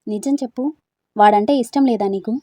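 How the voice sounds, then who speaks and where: Woman doing young girlfriends, nosy, teasing, eager questions, storybook, mellow tone. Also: mid-range voice, brisk, no room sound, lightly acted. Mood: curious, teasing. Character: chatty young women hostel friends, teasing and curious.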